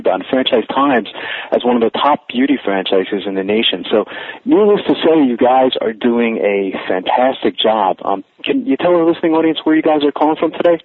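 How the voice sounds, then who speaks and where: A man in his forties hosting a radio interview show, upbeat and energetic, often laughing. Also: mid-range voice, dry recording. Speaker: radio talk show host. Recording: phone-like, narrow radio line.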